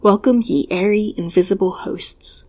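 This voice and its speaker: A woman reading a calm, formal husband. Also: mid-range voice, normal speed, lightly acted. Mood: formal welcome. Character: calm, courteous husband and host, adult man. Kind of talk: storybook reading.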